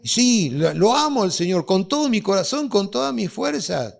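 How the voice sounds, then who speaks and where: A man's voice: high-pitched, very animated, normal speed, gravelly. A middle-aged man with an Argentine accent preaching a sermon as pastor, asking his congregation rhetorical questions and acting out quotes. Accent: Argentine Spanish.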